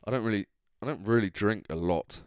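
Male podcaster, English accent, drunk and rambling, lowish smooth voice, casual solo chat. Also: a little fast, a little mellow, no room sound, clean studio sound. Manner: rambling, trailing off, self-interrupting. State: drunk, tipsy. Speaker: podcast host.

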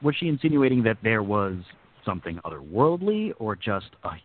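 A man's voice: lowish voice, very animated, brisk, crowd noise. A man hosting an interview who asks casual follow-up questions, heard on a phone-like recording. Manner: short encouraging reactions and follow-up questions. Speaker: podcast host. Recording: tinny phone-like line.

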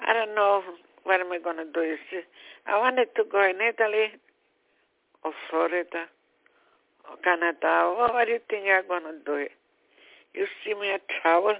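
Sex: woman. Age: middle-aged. Role: radio show caller heard over a phone line. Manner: halting, simple phrasing. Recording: thin, distant telephone sound. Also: lowish voice, creaky.

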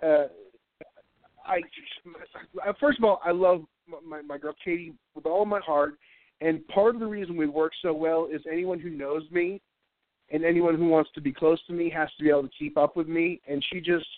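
At a moderate pace and in a steady, slightly high tone, the American host of a casual radio show rambles and stammers for laughs. He's from New Hampshire, congested and mouth-breathing, heard through a thin close-curled mic on a thin, phone-like line without echo.

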